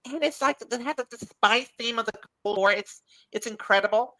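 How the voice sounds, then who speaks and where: A middle-aged woman who is losing her voice chats eagerly as a podcast panelist, often repeating and restarting her words. Her voice is high, quick, pushed and bright, and the audio quality is poor.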